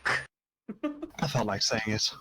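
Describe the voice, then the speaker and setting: A man's voice: mid-range voice, huge pitch swings, very slow, pushed and bright, husky. A man playing a tabletop game, making dry, dismissive in-character remarks. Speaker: player.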